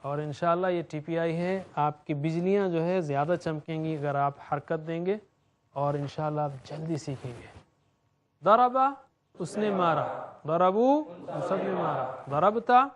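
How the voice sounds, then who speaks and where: A man's voice: on the high side, slight background noise. A man teaching Quranic Arabic grammar, drilling verb forms in a rhythmic chant and explaining in between.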